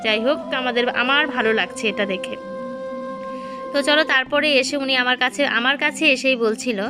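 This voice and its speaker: A woman vlogging casually on a handheld phone, chatting straight to her viewers as friends. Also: a little high. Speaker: lifestyle vlogger. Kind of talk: casual vlog narration. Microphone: handheld phone camera.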